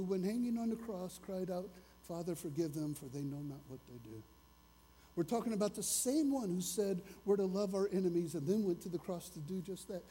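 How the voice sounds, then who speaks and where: A man's voice: high-pitched, dark tone, husky, in a large hall. A man preaching a sermon as a pastor, earnest and conversational, asking his listeners questions as he goes.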